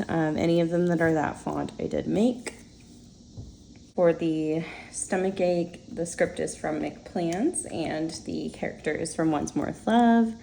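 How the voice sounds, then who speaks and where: Young woman, casual chat, dark mellow tone, slow pace, filler-heavy. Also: sits low, vocal fry, slight background noise, poor audio. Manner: chatty, relaxed, many fillers and soft laughs. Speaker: planner vlogger. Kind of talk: casual voice-over while decorating a planner.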